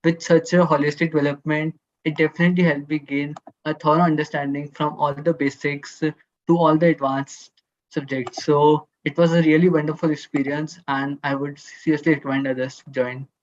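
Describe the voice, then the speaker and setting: A man's voice: fairly high pitch, little pitch movement, normal speed. A man in his twenties with an Indian accent, giving a formal, deferential testimonial as a business graduate. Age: 20s. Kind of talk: prepared testimonial speech. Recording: dull, lo-fi video call audio.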